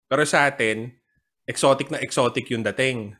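A man's voice: medium pitch, moderate pace. A man hosting a casual chat over a call, telling stories with jokes and frequent laughter. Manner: joking, laughs often, animated storytelling. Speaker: podcast host.

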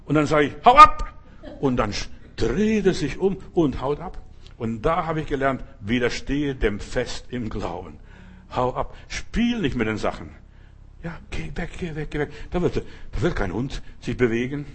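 Husky-voiced man preaching with fervor. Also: medium pitch, sing-song, moderate pace. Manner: storytelling, then forceful exhortation with bursts of emphasis; restarts and repeats words often, asks "verstehst du?". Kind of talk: sermon.

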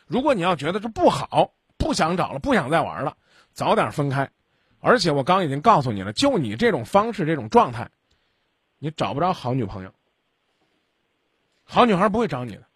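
Male call-in host, blunt lecturing tone, husky voice, dry sound. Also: a little high, a bit bright, no echo. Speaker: radio call-in advice host. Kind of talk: radio call-in advice.

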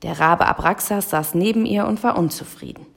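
A woman narrating a children's audiobook in a lively storytelling manner. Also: on the low side, fairly quick, vocal fry.

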